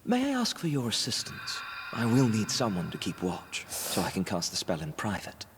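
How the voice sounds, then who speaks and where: Polite showman witch guy from an anime, on the low side, animated, noise behind. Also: moderate pace. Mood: polite, earnest. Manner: polite, smooth-talking, flourishing. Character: courteous, theatrical travelling male witch. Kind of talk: anime dub voice acting. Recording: clear background noise.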